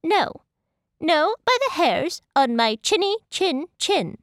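A woman's voice: high-pitched, sing-song, takes it slowly, a bit bright, no room sound, studio quality, voice pushed up, exaggerated voice. A woman voicing a small, plucky but anxious male pig from a storybook, squealing and exclaiming. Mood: defiant.

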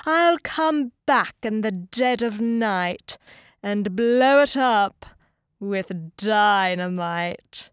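A woman voicing a greedy, boastful male wolf from a storybook, speaking in a drawn-out, theatrical, menacing way. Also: mid-range voice, lively intonation, smooth, no echo, clean studio sound. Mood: threatening.

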